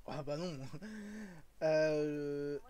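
A man's voice: fairly high pitch, flat delivery, drawn-out words, warm tone, clean tone. A young man from France chatting casually on a live stream, rambling with lots of fillers, laughing often and greeting viewers by name.

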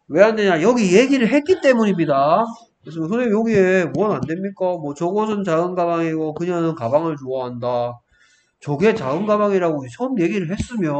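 Guy teaching english grammar, keeps asking "got it?", slightly high voice, faint hiss behind. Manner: checks in often with rhetorical questions. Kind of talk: explaining grammar exercises.

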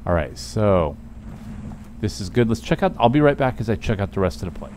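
A man narrates his gameplay casually. His voice sits fairly low as he comments or reads texts from the game. Game ambience and noise run behind him. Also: sing-song, fairly quick, a little mellow. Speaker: video game streamer. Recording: clear background noise from game.

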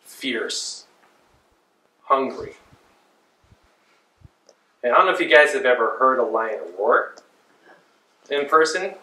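A man in his forties preaching a sermon from a pulpit in a small church, talking in a loose, conversational way. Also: mid-range voice. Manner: conversational, animated with hand gestures. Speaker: pastor. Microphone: far camera. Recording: roomy church echo, mic at a distance.

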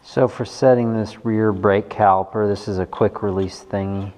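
Fairly low-pitched and a little mellow, this man's voice keeps fairly even intonation at a moderate pace. The bike mechanic host works through an informal hands-on tutorial, thinking aloud indoors in a big wooden workshop garage. His body-mounted action camera picks up echo and noticeable noise.

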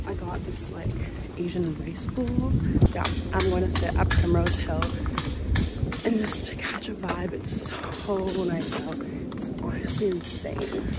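A young woman in her twenties talking casually to a handheld camera as she walks around outdoors, upbeat and full of fillers. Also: lowish voice. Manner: chatty, upbeat, filler-heavy. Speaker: vlogger. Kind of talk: casual vlog narration. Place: outdoors on city streets and in a park. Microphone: phone or vlog camera held at arm's length. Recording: loud street noise.

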